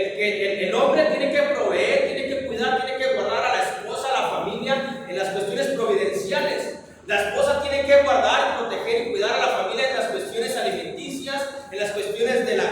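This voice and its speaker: A man preaches a sermon in a very high voice, firing rhetorical questions at his congregation. He sounds far from the microphone, and the big church hall rings with a long, echoing reverb. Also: noisy background. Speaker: pastor.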